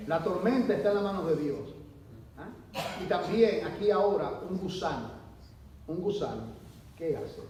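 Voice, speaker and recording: A man, a pastor, preaching a sermon in a church, asking his listeners questions and swinging sharply between soft and loud delivery. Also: lively intonation, moderate pace, long pauses, a crowd in the background. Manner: preaching with rhetorical questions and dramatic swings in pitch and volume. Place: church hall. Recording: echoey church hall, voice from far off, faint hum.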